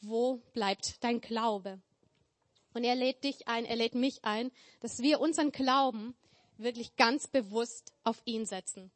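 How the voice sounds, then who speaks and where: In a church hall with tables, a woman delivers a sermon at a moderate pace, her voice a little high. She's earnest and emphatic, using repetition to build her points.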